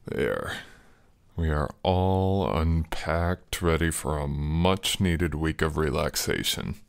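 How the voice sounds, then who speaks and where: Murmuring tenderly and breathily near the mic, a young adult man acts out an intimate ASMR roleplay as an affectionate, teasing boyfriend. His voice is very deep, slow, and creaky, with a clean tone captured dry and close, with no echo.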